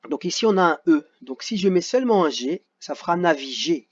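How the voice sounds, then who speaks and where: A man's voice: high voice, lively intonation, brisk, lo-fi sound. A male teacher patiently correcting a children's worksheet, sounding out syllables one by one.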